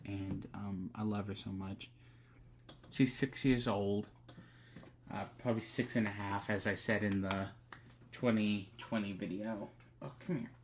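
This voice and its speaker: A man's voice: on the low side, level tone, measured pace, a little hiss or hum. A man who writes novels, talking casually to his future self in a rambling way, with many fillers and restarts.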